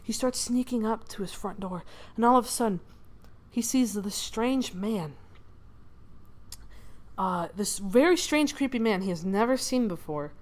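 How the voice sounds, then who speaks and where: A woman's voice: fairly high pitch, expressive, measured pace, pauses often, a little mellow. A woman casually telling a dream story while she doodles, rambling with many fillers, giggles and swears. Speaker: channel creator.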